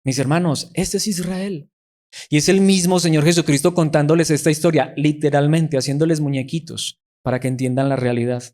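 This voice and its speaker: A man's voice: fairly high pitch, steady tone, a little fast, hardly any pauses, a little mellow. A man preaching a sermon, who keeps putting rhetorical questions to the congregation.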